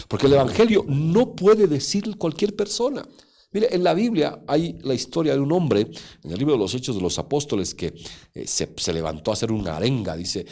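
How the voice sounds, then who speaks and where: A man's voice: medium pitch, a little mellow. A man, a pastor, preaching a sermon at an online church meeting, with emphatic rises and frequent asides to the congregation.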